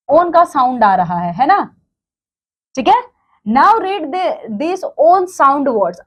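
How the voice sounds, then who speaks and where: A woman teaches a textbook lesson in a high voice. She reads the lines slowly and deliberately at an unhurried overall pace, then explains them quickly in Hindi.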